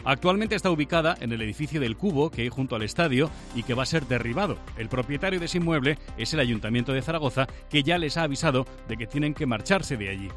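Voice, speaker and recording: A man's voice: mid-range voice, expressive, fast, a bit bright, faint music behind. A man with a Spanish accent from Spain reading a scripted local radio news bulletin.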